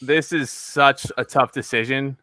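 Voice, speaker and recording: A man with a mid-pitched, bright, forceful voice, recorded dry and close. He deliberates out loud in casual chat, earnest and thoughtful. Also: fairly even intonation, dry recording. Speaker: draft participant.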